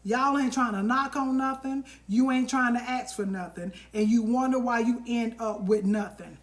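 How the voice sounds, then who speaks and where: A woman's voice: on the high side, moderate pace. A woman hosting a live stream, giving an emphatic, preachy motivational talk and addressing viewers directly with endearments.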